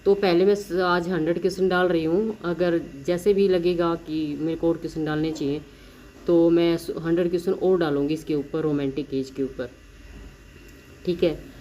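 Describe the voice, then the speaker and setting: Woman teacher with a mellow voice. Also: lowish voice, fairly even intonation, slight background noise, low-quality recording. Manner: mixes Hindi explanation with slowly read English questions; frequent self-corrections and "theek hai" check-ins. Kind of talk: exam-prep lecture.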